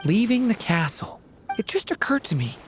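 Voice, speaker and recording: Soft hesitant young boy played by an actor, earnest game character, faint music behind. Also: medium pitch, very animated, normal speed, natural voice. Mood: thoughtful, hopeful. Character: gentle, troubled young boy with dragon power, earnest. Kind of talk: video game character acting.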